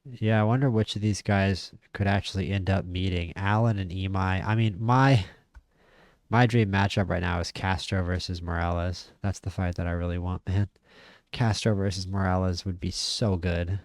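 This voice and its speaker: A man casually commentating a boxing management game, chatty and opinionated, stammering when he gets excited. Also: sits low, moderate pace, no echo, studio quality. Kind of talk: casual play-by-play commentary over a boxing sim.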